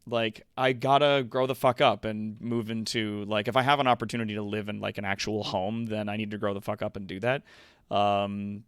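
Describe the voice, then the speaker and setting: A livestream host with a smooth, lowish voice talks casually with his viewers from an indoor home streaming room, cursing freely and making lively asides. The recording is clean studio sound without echo.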